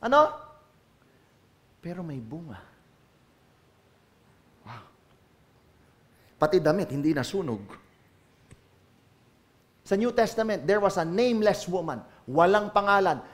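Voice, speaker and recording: Filipino male pastor, high-pitched, dynamic church preacher moving between soft and loud. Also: animated, slow, pauses often. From Philippines. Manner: preaching in mixed Tagalog and English, swinging from hushed to loud and emphatic. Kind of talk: sermon.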